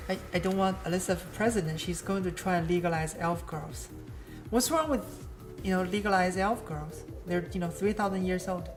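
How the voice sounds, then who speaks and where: A woman's voice: fairly low pitch, fairly quick, over music. A woman streamer in casual chat, talking loosely with lots of restarts and dry jokes.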